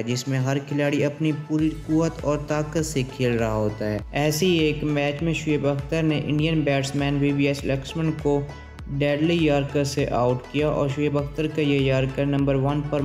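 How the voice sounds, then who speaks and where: A man reading a scripted sports countdown voice-over in a steady, formal delivery. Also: on the high side, normal speed. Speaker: channel narrator. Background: faint background music.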